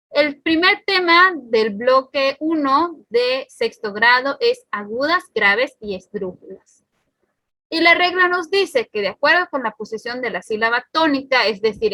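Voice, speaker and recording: Bright high-voiced woman teaching. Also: dry recording. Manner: patient, explains step by step, repeats rules. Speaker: primary school teacher. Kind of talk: recorded spelling lesson.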